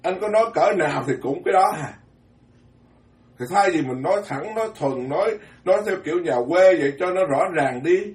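Monk, folksy and animated Dharma talk, slightly high voice, heard from afar in an echoing room. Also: male voice, brisk. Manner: folksy, animated, joking, with many repeated words. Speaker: Buddhist monk. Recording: echoey hall from far off.

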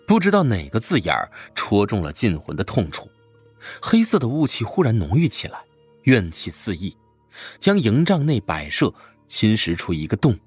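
A man narrating a fantasy web novel in an expressive storytelling style. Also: lowish voice, normal speed, husky, soft background music. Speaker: audiobook narrator.

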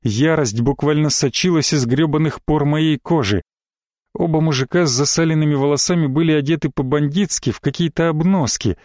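A man's voice: fairly high pitch, brisk, a little mellow, no room sound, clean studio sound. A man narrating a first-person romance audiobook in a terse, brash voice.

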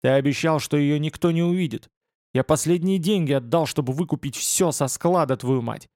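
A man's voice: fairly high pitch, moderate pace, darkish tone, dry recording, clean studio sound, natural voice. A man voicing a furious, bitter young writer. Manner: harsh, clipped outbursts.

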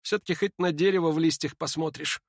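A man doing a hoarse, dying young man. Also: on the high side, steady tone, quick pace, no room sound, studio quality, voice pushed up. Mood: quiet weary. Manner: quiet, hoarse, near-whispering. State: short of breath. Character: dying young man, feverish, calm and ironic.

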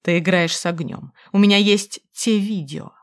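A woman reading the part of a cold, manipulative husband, speaking slowly and with measured pressure. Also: fairly low pitch, lightly acted. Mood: menacing.

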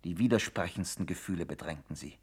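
Casting: male narrator, lowish voice, dramatic literary storytelling for radio drama. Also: fast talker, husky.

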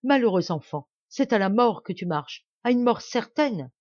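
Woman voicing an old baron, anguished, commanding, loud pleading, lively pitch, dry muffled recording. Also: normal speed, no echo. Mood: anguished urgent. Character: elderly male baron, anguished, commanding father.

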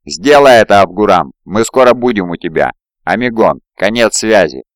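A man voicing a cold, commanding male warrior lord who gives measured orders. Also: fairly low pitch, animated, no room sound, studio quality, natural voice.

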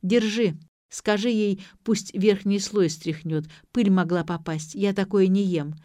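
A woman voicing a sharp-tongued, sarcastic young woman. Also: medium pitch, a little slow, no echo, studio quality, lightly acted. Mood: snappy. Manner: snappy, sarcastic.

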